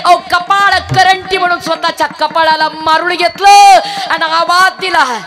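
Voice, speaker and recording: A woman's voice: extremely high pitch, fairly even intonation, unhurried. A woman kirtan preacher telling a devotional story as a sermon, dramatic and repeating phrases for emphasis, into a public address mic at a live gathering.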